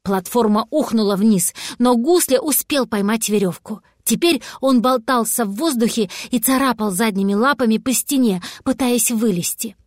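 A woman narrates a children's fairy tale with lively expression. Her voice is a little high, and the recording is close and dry. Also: normal speed, hardly any pauses, no echo. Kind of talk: storybook reading.

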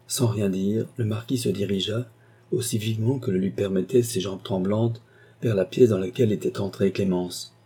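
A man giving a measured, scripted audiobook narration. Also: fairly low pitch, steady tone, warm tone, slightly rough.

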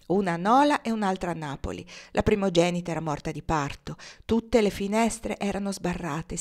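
A woman reading a classic novel aloud in a calm, measured way, slowing down for emphasis. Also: fairly low pitch. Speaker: audiobook reader. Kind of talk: literary narration.

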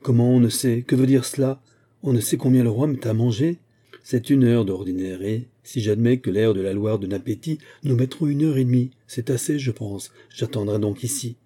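Proud aging musketeer captain, indignant and sharp-tongued, dark husky tone, read by a man. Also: medium pitch, normal speed, natural voice. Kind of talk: audiobook reading.

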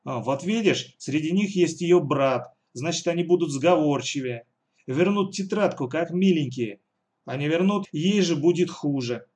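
A man voicing a cruel, bossy adult woman kidnapper who shouts threats. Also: a little high, lively intonation, moderate pace, pitched above the performer's own voice, lightly acted. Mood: gloating.

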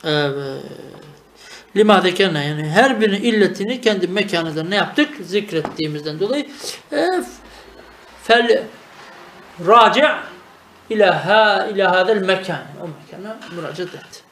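A man's voice: high-pitched, lively intonation, moderate pace, pauses often, fairly bright tone, echoey room, a little hiss or hum. A man teaching Arabic grammar in a traditional lesson, asking questions and answering them himself. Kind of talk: traditional madrasa-style lesson.

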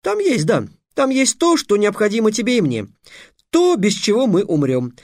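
An excitable clever boy, voice pushed high and eager, as a male reader puts him on. The pitch swings widely, and the sound is dry and close. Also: normal speed, dry recording, exaggerated voice. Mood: excited. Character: excitable clever young boy wizard apprentice.

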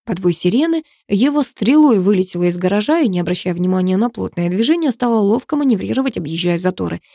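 A woman reads a crime novel aloud in a steady, dramatic storytelling manner. Her voice is mellow and warm. The recording is close and dry, with no room sound. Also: mid-range voice, fast, vocal fry, dry recording. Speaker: audiobook narrator. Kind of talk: scripted narration.

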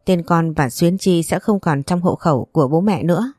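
A woman's voice: on the low side, moderate pace, darkish tone, dry recording, studio quality, lightly acted. A woman voicing a humble young mother who pleads and apologizes. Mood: pleading.

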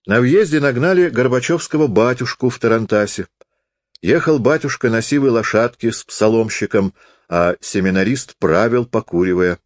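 A man calmly reading a classic story aloud, with measured storytelling. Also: mid-range voice, dry recording, clean studio sound. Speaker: narrator. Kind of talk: literary audiobook reading.

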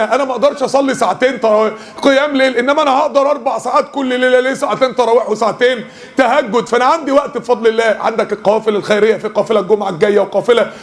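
A man with an Egyptian Arabic accent giving a lively mosque lesson, joking and asking the audience questions. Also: very high voice. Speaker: preacher.

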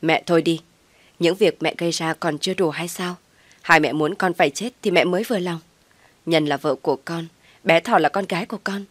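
A woman's voice: lowish voice, brisk, breathy edge, no echo. A woman voicing a young husband who reproaches his mother and pleads, in storybook narration. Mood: reproachful.

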